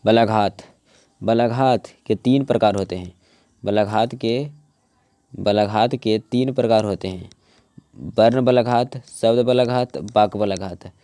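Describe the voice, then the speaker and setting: A young man teaching grammar from his notes, often repeating words and restarting, and slowing down to spell out word parts. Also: on the low side, mellow, no room sound. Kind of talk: explaining from notes to camera.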